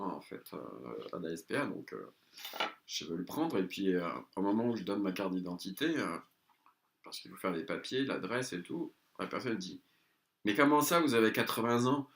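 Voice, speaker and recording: A middle-aged man telling a comic story about his mother, lively and often laughing as he talks. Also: on the low side. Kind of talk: comic anecdote told to a listener. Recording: echoey room.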